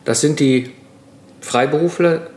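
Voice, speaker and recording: In an echoey room, a middle-aged man with a slightly high, somewhat mellow voice talks at a measured pace. He's a solo entrepreneur appearing as a guest on a casual podcast interview, reflecting at length with fillers and restarts.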